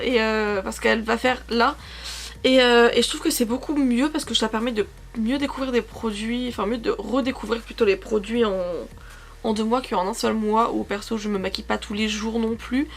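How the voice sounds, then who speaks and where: A woman in her twenties chatting casually about makeup from her couch at home, rambling and correcting herself with lots of fillers. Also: a little high. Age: 20s. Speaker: beauty vlogger.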